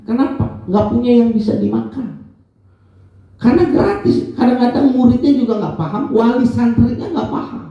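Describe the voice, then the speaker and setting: A religious teacher with a high-sitting voice and vocal fry gives an informal lesson in an office prayer room. He is chatty and tells stories, often quizzing his listeners, and the room sound is echoey, dull and lo-fi.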